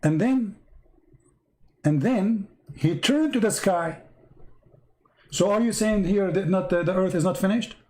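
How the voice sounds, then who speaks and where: A man's voice: high-pitched, measured pace, long pauses, darkish tone. A man, not an English speaker and losing his voice, hosts a live debate, reading out verses and pressing a caller with repeated questions. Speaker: debate host.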